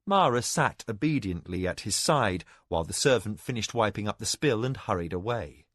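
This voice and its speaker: A man narrating a fantasy novel as an audiobook, in a measured, expressive way. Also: fairly low pitch, dry recording, studio quality.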